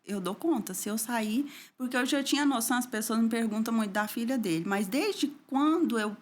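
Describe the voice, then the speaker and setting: A middle-aged Brazilian woman, a guest on an interview, shares an emotional personal testimony at normal speed with lively intonation. At the painful moments her voice drops low, soft and tearful.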